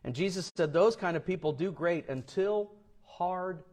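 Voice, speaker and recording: Delivering a sermon to a congregation, this pastor from Florida speaks a little slowly. For emphasis he rises to loud, high peaks before sinking to a low, quiet register.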